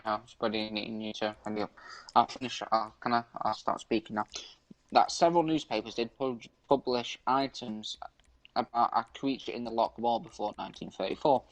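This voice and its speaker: Man reading aloud haltingly during gameplay. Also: medium pitch, dry recording, rough recording. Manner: halting reading with frequent stumbles and restarts. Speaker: podcast co-host. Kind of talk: reading urban legends aloud while playing a video game.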